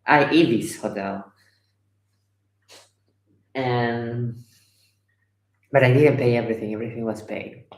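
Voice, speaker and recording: An Ecuadorian tarot reader whose first language is Spanish chats casually on a livestream, telling anecdotes, acting out dialogue and making chatty asides. Her voice is extremely low and slow with frequent pauses, and the audio is poor and roomy.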